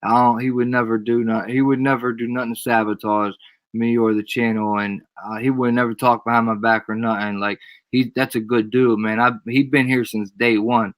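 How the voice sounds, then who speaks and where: A man's medium-pitched voice, recorded close with no room sound. He talks as a stream host in casual slang, often doubling up short phrases. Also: little pitch movement, moderate pace, no room sound. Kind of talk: casual chat.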